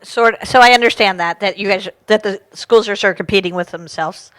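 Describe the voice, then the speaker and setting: A woman's voice: mid-range voice, fairly quick, fairly bright tone. A woman talking informally in a discussion, often restarting her sentences mid-thought as she explains. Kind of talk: unscripted discussion.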